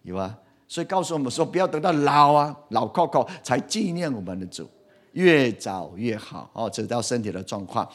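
Animated man preaching. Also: mid-range voice, moderate pace. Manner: lively, asks the congregation questions, animated swings in loudness. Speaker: pastor. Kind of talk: sermon.

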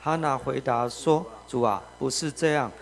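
A man from the congregation reading a scripture passage aloud in a steady, even way. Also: mid-range voice, moderate pace, creaky. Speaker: congregation member.

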